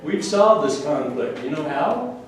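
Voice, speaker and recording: A man with a loud, powerful voice giving a speech to a club audience and putting rhetorical questions to them. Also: on the high side, very animated, measured pace, soft background music. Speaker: speaker. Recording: echoey room, from far off.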